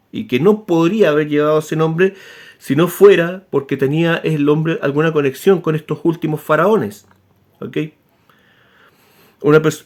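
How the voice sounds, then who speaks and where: A man explaining history in an informal spoken lecture, animated and full of tag questions and restarts. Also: a little high.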